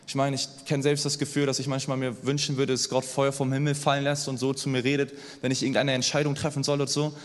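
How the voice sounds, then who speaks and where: A young man preaching a sermon in a lively, conversational way, often checking in with his listeners. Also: medium pitch, quick pace, few pauses. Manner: lively, conversational, asks the audience "oder?" often. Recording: long hall reverb.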